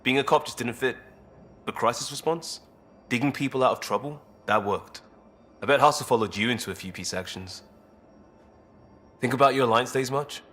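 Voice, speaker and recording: In a lightly acted video game role, a man voices an easygoing, blunt human crisis responder, a former cop turned space rescuer. His mid-range, fairly bright voice moves at a moderate pace with frequent pauses, and he talks casually and candidly in a nostalgic, easygoing mood.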